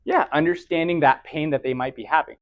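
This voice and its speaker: A young male EMT instructor lecturing a class in a relaxed, conversational tone, his voice sitting a bit high for a man. He slips into quick role-played exchanges with patients. The sound is dry and close. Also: no echo, muffled recording. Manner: casual, lively, acts out patient dialogues.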